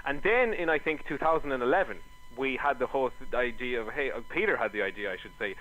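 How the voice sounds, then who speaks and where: A man's voice: medium pitch, expressive, fast, fairly bright tone, muffled recording, soft background music. A man with a west of Ireland accent chatting casually and teasingly as a comedian guest on a radio show. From Galway, west of Ireland. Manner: teasing, bantering. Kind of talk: casual joking interview chat.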